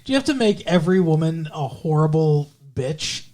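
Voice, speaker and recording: A woman co-hosting a casual podcast. She speaks in a low register, and her delivery is blunt and sarcastic, with plenty of swearing. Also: expressive, moderate pace, warm tone. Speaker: podcast co-host. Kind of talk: casual recap chat.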